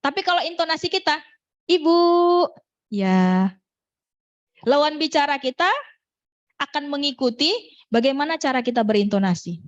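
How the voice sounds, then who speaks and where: High-voiced woman teaching public speaking. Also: brisk, fairly bright tone, highs cut off. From North Sumatra, Batak. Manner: demonstrates intonation, asks audience questions. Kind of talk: lively workshop talk to a women's group.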